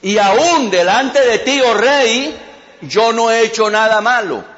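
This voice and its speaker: Calm faithful prophet put on by a preacher, man, high voice, earnest and steady, dull lo-fi sound. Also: takes it slowly, full character voice.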